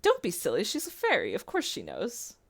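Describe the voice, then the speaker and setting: Woman doing a snide, taunting witch, swooping pitch. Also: wildly swooping pitch, a little fast, creaky, full character voice. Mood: snide lecturing. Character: smug, taunting female witch, teasing and snide.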